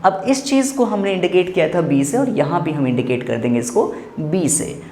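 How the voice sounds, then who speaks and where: A man's voice: a little high, animated, moderate pace, dark tone. A man with an Indian accent teaches a lesson, going over each point again and again with emphasis. He keeps nudging the listener to look carefully. His voice bounces around a reverberant room with a faint hiss underneath. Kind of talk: explanatory lesson. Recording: echoey room with faint background noise.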